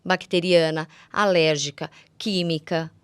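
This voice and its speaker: Deep-voiced and a little slow, this Brazilian-accented woman keeps a fairly even intonation; the tone is clean, with no room sound. As a guest ophthalmologist, she walks laypeople through medical points conversationally, stressing words by repeating them and using affectionate diminutives.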